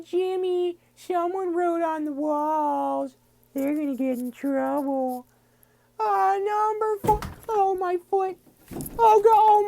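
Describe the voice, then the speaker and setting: Timid cartoon boy, extremely high pitch, nasal, whiny, slow halting pace, dorky, comic impression. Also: a little mellow, heavily acted. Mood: hesitant, earnest, then whimpering, panicked. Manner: halting, numbered delivery with drawn-out words. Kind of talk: comic impression challenge, short catchphrases.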